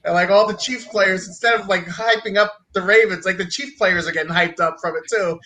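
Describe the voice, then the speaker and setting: Casting: man with a high, bright voice, blunt animated sports storyteller. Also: fairly quick, slight background noise. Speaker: sports talk show regular. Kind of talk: casual sports chat.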